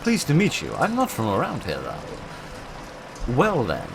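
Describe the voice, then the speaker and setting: A man's voice: medium pitch, huge pitch swings, slow pace, vocal fry, background noise, voice pushed up, heavily acted. A man voicing a cheerful, friendly drifter in a game, with an easygoing folksy manner. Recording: game music playing underneath.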